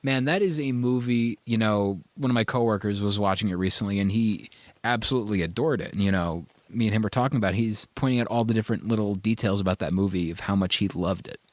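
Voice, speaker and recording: A man's voice: on the low side, quick pace, hardly any pauses, dry recording. A man co-hosting a podcast, chatting casually about a movie with jokey asides and enthusiasm. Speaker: podcast co-host.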